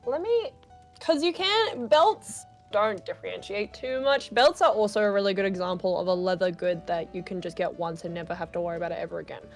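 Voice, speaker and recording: A woman's voice: medium pitch, expressive, brisk, soft background music. A woman hosting a livestream, chatting casually and upbeat while she draws, laughing often. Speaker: livestream host. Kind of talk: casual chat while drawing.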